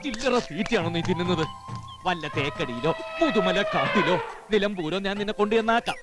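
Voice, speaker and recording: A man's voice: sits high, lively intonation, fairly quick, loud music behind the voice. An actor with a Malayali accent playing a hapless broke young man, pleading and whining in a film comedy scene.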